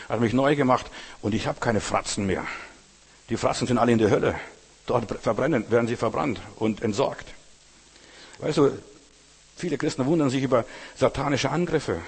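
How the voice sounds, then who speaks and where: A man's voice: medium pitch, slightly rough, big-room sound. A man preaching a sermon emphatically, repeating phrases for stress and speaking straight to his listeners. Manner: addresses listeners directly.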